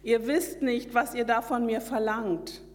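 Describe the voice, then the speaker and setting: Brief: woman reading a distressed runaway slave woman, high, slow, hall echo. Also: steady tone, soft background music, lightly acted. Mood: pleading. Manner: pleading, distressed.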